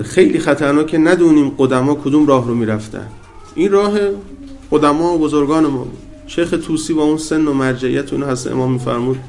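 A man's voice: medium pitch, darkish tone. A man, a cleric giving an informal ethics lesson, telling anecdotes in a colloquial way and putting rhetorical questions to his listeners. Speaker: cleric teaching an ethics class.

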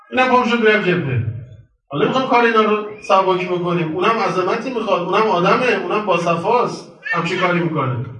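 A man giving a religious sermon in a colloquial storytelling way, moving between raised and hushed delivery. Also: sits high. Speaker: preacher. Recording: very echoey hall, voice from far off.

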